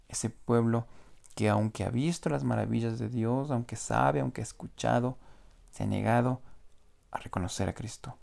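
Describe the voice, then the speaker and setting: A man's voice: medium pitch, creaky, dark tone. A man preaching a sermon, explaining scripture verse by verse and often tagging lines with a questioning "no?". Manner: explanatory, asks rhetorical "¿no?" often.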